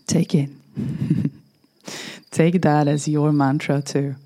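A woman hosting a motivational solo podcast, her voice going hoarse, talking unhurriedly and slipping into soft whispered asides. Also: deep voice, flat delivery, very slow. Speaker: podcast host.

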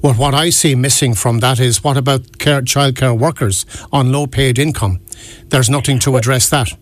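Male radio host, medium pitch, measured discussion style, very dry close sound. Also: fairly even intonation, no room sound. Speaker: radio interviewer.

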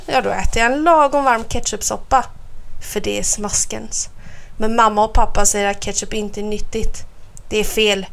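A woman reading a children's story aloud in a playful first-person voice. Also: medium pitch.

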